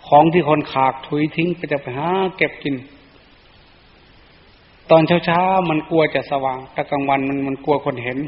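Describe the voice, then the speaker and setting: Male monk, storytelling sermon, slightly high voice, muffled lo-fi recording. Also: normal speed. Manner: plain storytelling delivery. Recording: echoey dull lo-fi recording.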